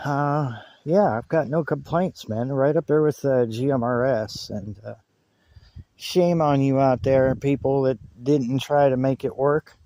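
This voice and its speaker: With a measured pace and warm, mid-range voice, a man hosts a gear review of walkie-talkies from an outdoor hilltop. He speaks casually in colloquial, folksy terms to the camera and over a two-way radio, and the recording sounds muffled.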